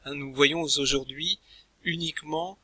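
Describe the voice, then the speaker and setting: Male teacher, very bright voice, halting delivery, dry close-miked sound. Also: fairly high pitch, steady tone, husky, dry recording. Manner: hesitant, many filler sounds and restarts. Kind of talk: recorded language lesson.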